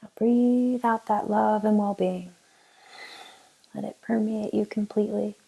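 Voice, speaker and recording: A woman guides a meditation as the teacher, her instructions gentle and unhurried with long pauses between them. Her medium-pitched voice holds a steady tone, creaky with a breathy edge, and the recording is rough.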